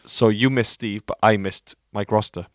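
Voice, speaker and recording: A man with a fairly low voice chats enthusiastically on a casual shop podcast, peppering his speech with "like" and "um". The sound is close and dry. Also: fairly even intonation, normal speed, no room sound. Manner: enthusiastic, with many fillers like "like" and "um". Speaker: podcast co-host at a guitar shop. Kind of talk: casual chat. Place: shop, indoors.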